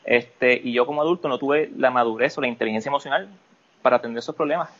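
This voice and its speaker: A man, a podcast guest speaking candidly about personal matters, halting and restarting often. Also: medium pitch, a bit bright, muffled recording. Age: adult. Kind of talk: personal interview talk.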